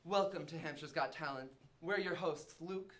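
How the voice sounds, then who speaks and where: Young guy host reading a goofy story all dramatic, kinda high voice. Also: normal speed, fairly bright tone. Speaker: show host. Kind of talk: reading a scripted comic tale.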